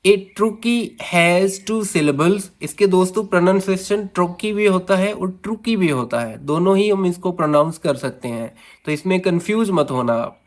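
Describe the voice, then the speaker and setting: High-voiced man teaching slowly. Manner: explains slowly, sounds out words syllable by syllable; keeps addressing viewers as friends. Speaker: English teacher. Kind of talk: classroom-style video lesson.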